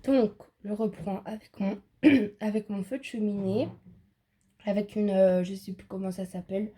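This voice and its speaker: A woman's voice: mid-range voice, fairly even intonation, moderate pace, warm tone, slightly rough. A woman in a casual craft video, describing greeting cards hesitantly with many fillers. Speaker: co-presenter showing cards. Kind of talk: casual show-and-tell.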